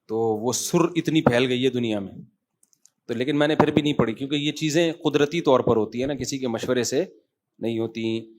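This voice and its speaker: Tired cleric answering questions, middle-aged man. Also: medium pitch. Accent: Pakistani Urdu. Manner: conversational, lecturing, addresses listeners as brother. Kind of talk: sermon Q&A, reading questions aloud.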